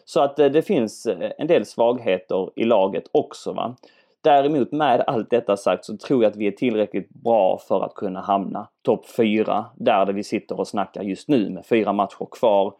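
A man's voice: lowish voice, warm tone. A man from southern Sweden, chatting casually as host of a football podcast, rambling with many fillers.

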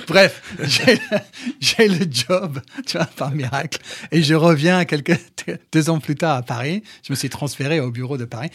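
Man with English accent, lively storyteller, slightly high voice, dry studio sound. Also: no room sound. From England. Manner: animated storyteller, fillers and restarts. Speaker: podcast guest. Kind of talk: casual conversation.

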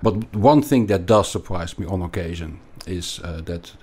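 Low-voiced and a little mellow with a husky quality, this middle-aged man from Belgium talks at a normal speed. He speaks with a Belgian accent as a finance guest in a conversational interview, frequently restarting and repeating words as he explains things.

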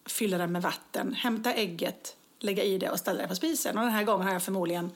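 Lively woman telling anecdotes. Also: medium pitch. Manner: lively storyteller, acts out own quotes. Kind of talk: casual chat, telling anecdotes.

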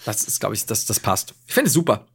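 A man's voice: on the low side, wildly swooping pitch, fast, slightly rough. A man co-hosting a podcast in casual comedic chat, talking in an informal, rambling, joking way. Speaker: podcast co-host.

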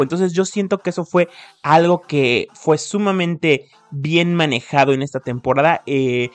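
A man's voice: fairly high pitch, no echo. A man, co-hosting a podcast in casual, opinionated chat. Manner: opinionated, outspoken critic. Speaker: podcast co-host.

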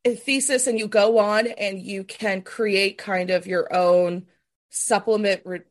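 A woman in her thirties runs a podcast in relaxed, chatty conversation. Her voice sits at an ordinary middle pitch, and she keeps tossing in quick, self-mocking asides. She comes across as wired on caffeine. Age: 30s. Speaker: podcast host. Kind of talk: casual chat.

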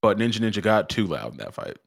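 A man's voice: lowish voice, very animated, quick pace, creaky, breathy edge, no room sound, studio quality. A man co-hosting a podcast in casual chat, asking questions and swearing casually. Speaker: podcast co-host.

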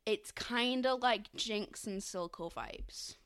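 A woman co-hosting a podcast in casual chat, quick and rambling with many fillers. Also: a little high, fairly bright tone, clean tone. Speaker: podcast co-host.

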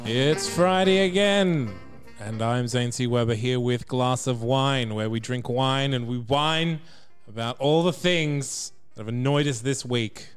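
A man hosts a relaxed podcast chat. His voice is smooth and clear at an average pitch. He jokes with his guests and hurries brightly through sponsor reads. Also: a little slow, soft background music. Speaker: podcast host.

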